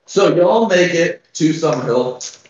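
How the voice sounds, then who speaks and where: A man narrates a tabletop game as its game master in a casual, halting way. His voice sits a little high. The sound is roomy and slightly dull, as if he is back from the mic. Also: lively intonation, a little mellow, far from the mic. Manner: halting, informal, folksy phrasing.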